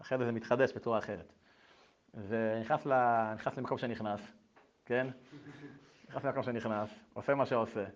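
Animated man teaching Torah. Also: medium pitch, pauses often. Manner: animated, shifts between reading texts and telling anecdotes. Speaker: Torah lecturer. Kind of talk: lively Torah lesson with personal stories. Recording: dull lo-fi recording.

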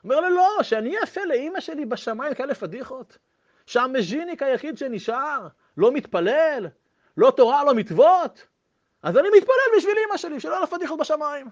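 A man voicing a stubborn, furious old man who shouts and argues, in a dull lo-fi recording. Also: sits high, sing-song. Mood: indignant. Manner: shouting, agitated.

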